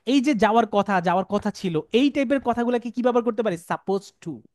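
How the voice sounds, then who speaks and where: A man's voice: high voice, a little fast, a little mellow, no echo, studio quality. A male English teacher giving a classroom lecture, repeating phrases and asking the class questions.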